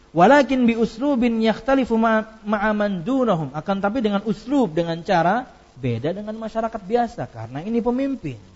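A man's voice: sits high, lo-fi sound. A man giving an informal religious lecture, telling anecdotes with laughter and reciting Arabic passages. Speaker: preacher.

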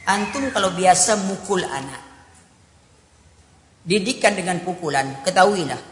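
A man's voice: high-pitched, expressive, measured pace, fairly bright tone. Male preacher, sermon Q&A, humorous, acts out scenes, long echo, faint background hum. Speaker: Islamic preacher answering questions. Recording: echoey hall.

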